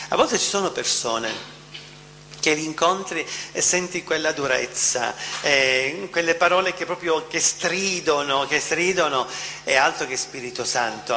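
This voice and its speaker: A man gives a sermon in a big reverberant hall, his voice bright and ringing and a little high for a man. He presses his points with questions and repeats key phrases. A faint hum sits underneath. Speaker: preacher.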